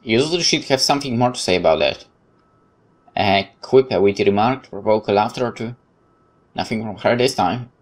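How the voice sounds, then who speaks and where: A male game streamer with a Polish accent reads visual novel narration aloud in a lowish voice at a brisk pace. His reading is expressive, with an occasional stumble and a few brief comments.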